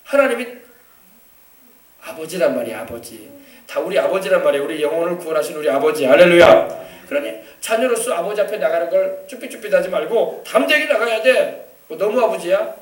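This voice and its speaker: High-voiced man preaching in an echoey church. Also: sing-song, fairly quick, distant mic. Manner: emphatic preaching, rising to shouts, acting out quoted voices. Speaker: pastor. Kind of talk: sermon. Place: church sanctuary.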